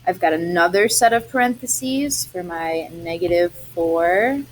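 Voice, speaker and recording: A woman's voice: on the low side, unhurried, slight background noise. A young adult woman, a math teacher, explaining algebra step by step in a chatty recorded lesson.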